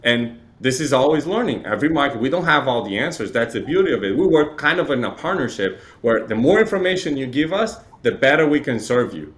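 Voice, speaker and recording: An interview guest from Chile who provides real estate data speaks in an expressive, medium-pitched, slightly bright voice, fairly quickly and with few pauses. His talk is conversational and explanatory, dotted with frequent "right?" tags.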